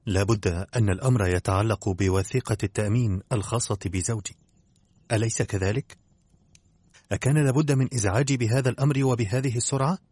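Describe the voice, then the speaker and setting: A man's voice: lowish voice, quick pace, a little mellow, slightly rough, no room sound, pitched above the performer's own voice. A man voicing a young grieving widow in an audiobook drama, speaking in a plaintive, reproachful way.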